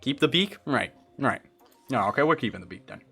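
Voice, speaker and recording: A young Brazilian streamer whose first language is Portuguese chats casually on a livestream while building a game creature, thinking aloud as he answers viewers and often stammering and restarting. His mid-range voice is animated, a little fast, and sharp with a breathy edge. Soft music plays in the background.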